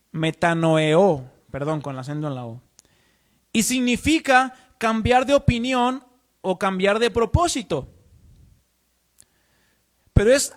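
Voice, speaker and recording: A high-pitched man gives a teaching sermon in church. He explains earnestly and puts questions to the congregation. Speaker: preacher.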